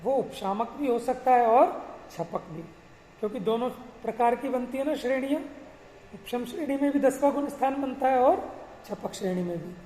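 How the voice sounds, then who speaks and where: A man teaching a religious class, explaining patiently, asking rhetorical questions and chanting verses slowly. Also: very high voice, mellow, reverberant, in a large hall, a little hiss or hum. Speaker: scripture teacher.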